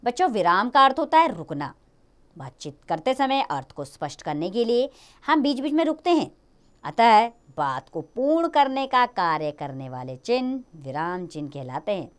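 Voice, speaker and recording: A young woman teaching a children's grammar lesson. Her voice is smooth and clear, and her pitch moves up and down a lot as she explains. She slows right down whenever she reads an example sentence aloud. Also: very animated.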